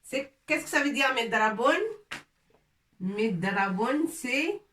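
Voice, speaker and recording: A woman teaching a language lesson slowly and patiently, repeating each word and asking her viewers questions. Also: on the high side, expressive, pushed and bright, reverberant, far from the mic, a little hiss or hum. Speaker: Arabic teacher.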